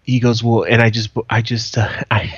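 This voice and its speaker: A man's voice: on the low side, fairly even intonation, normal speed, husky, dry recording, lo-fi sound. Profane laughing man telling a story. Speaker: podcast co-host. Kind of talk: casual chat, storytelling.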